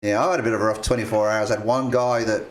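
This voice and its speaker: A man's voice: on the low side, steady tone, rapid-fire. Folksy Texan man hosting a podcast. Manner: folksy, drawling, with emphatic repeats. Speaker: podcast host. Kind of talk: casual chat.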